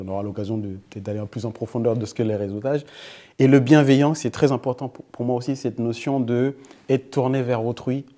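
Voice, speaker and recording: Brief: mellow-voiced man in his forties, interview guest who keeps restarting sentences, recorded in an echoey room. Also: medium pitch. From Senegal. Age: 40s. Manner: animated storyteller, frequent hesitations and restarts. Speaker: guest author. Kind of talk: interview answers.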